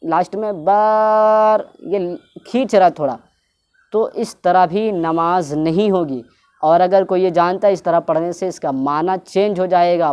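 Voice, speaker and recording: Her voice is fairly low and a little mellow. In this religious instruction talk, the female teacher explains things at length, restates her points, and elongates words to model correct pronunciation.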